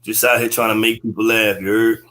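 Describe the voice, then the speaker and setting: A man's voice: on the low side, flat delivery, brisk, bright, forceful tone. A man, a guest comedian talking in a laid-back, slangy way over a webcam video call from an indoor room. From Texas. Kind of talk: casual interview chat.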